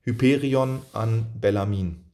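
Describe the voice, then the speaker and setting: A man's voice: lowish voice, measured pace, darkish tone. A man reading a classic novel aloud as narrator, solemn and lyrical. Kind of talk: audiobook reading of classic prose.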